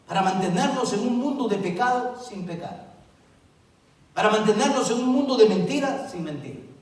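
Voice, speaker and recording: A man's voice: sits high, lively intonation, normal speed, a little mellow. A middle-aged male pastor preaching a sermon, emphatic, repeating key words and putting questions to the congregation. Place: church sanctuary. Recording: echoey church hall, distant mic.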